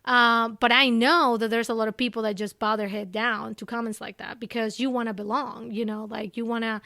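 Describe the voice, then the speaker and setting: Ecuadorian-accented woman, bright and lively. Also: fairly high pitch, a little fast, vocal fry, no echo, studio quality. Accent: Ecuadorian Spanish. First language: Spanish. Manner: animated, frequent fillers like "you know" and "like". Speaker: guest. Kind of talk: casual interview conversation.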